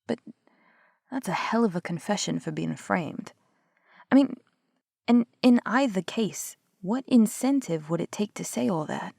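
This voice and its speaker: A young woman with a medium-pitched, expressive, creaky and slightly mellow voice speaks unhurriedly, recorded dry in a clean studio. She performs a one-sided audio roleplay as a skeptical investigator, arguing sarcastically, swearing casually, and sometimes dropping to a whisper.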